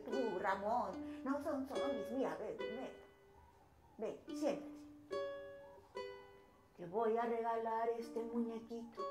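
A woman with a Mexican accent voicing a kind old grandmother who speaks slowly and comfortingly. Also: mid-range voice, voice pushed down, natural voice. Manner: slow and comforting. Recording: echoey room with ukulele music.

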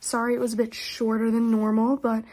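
A woman's voice: a little high, flat delivery, brisk, a little mellow. A young adult woman chatting casually and bluntly to her phone camera at home. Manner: blunt, sweary, self-deprecating. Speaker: vlogger. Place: small bathroom at home. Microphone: phone camera close to the face. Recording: slightly noisy home phone recording.

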